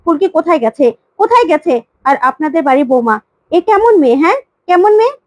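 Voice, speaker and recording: A woman's voice: very high-pitched, sing-song, fast, no echo. A woman voicing a furious, imperious middle-aged queen who scolds and demands, while retelling a serial plot. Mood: angry.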